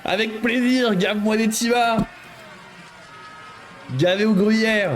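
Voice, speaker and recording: Excitable high-voiced man streaming a game. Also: slow, soft background music. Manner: excitable, exclaiming and joking. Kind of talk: live gameplay commentary.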